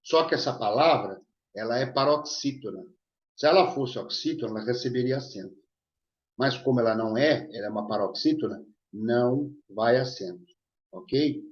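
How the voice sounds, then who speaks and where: A Brazilian-accented man explains grammar rules at an unhurried pace, often pausing to check that his students follow. His voice carries a roomy echo and comes through dull and lo-fi. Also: medium pitch, a little mellow. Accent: Brazilian Portuguese. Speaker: Portuguese teacher. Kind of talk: recorded grammar lesson.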